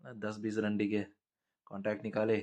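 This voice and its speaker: A man's voice: fairly low pitch, completely flat delivery, moderate pace, a little mellow. Blunt, profane male storyteller. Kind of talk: crude comedic monologue.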